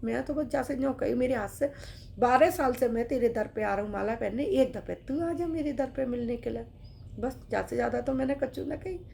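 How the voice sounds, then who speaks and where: A woman voicing an elderly male devotee, complaining loudly in a hurt, stubborn way. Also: a little high, fairly quick, gravelly, slight background noise. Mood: aggrieved. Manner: loud, aggrieved, complaining.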